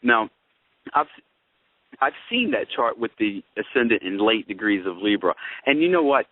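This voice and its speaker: In a lowish, animated voice at normal speed, a male astrologer co-hosts an astrology talk, explaining things in a folksy, conversational way and checking in with listeners through tag questions. The recording is dry, with tinny, phone-like radio-show audio.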